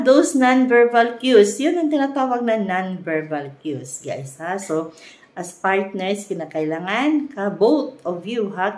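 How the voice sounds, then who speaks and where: A woman's voice: on the high side, roomy sound. A Filipino woman giving casual relationship advice to her viewers, mixing Tagalog and English and often asking "di ba?". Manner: mixes Tagalog and English, frequent "guys, no?" and "di ba?" tags, laughs often. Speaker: vlogger.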